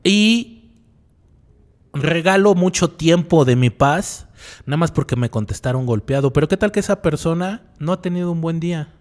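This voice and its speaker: Man, slightly high voice. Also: brisk, darkish tone. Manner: asks the listener rhetorical questions, tags lines with "¿no?"; repeats key phrases for emphasis. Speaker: psychologist. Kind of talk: reflective radio talk on personal growth.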